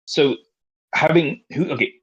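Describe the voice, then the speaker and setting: A man's voice: a little high, unhurried, a bit bright, breathy edge, dull audio. A man in a casual debate, methodically explaining his point through step-by-step analogies.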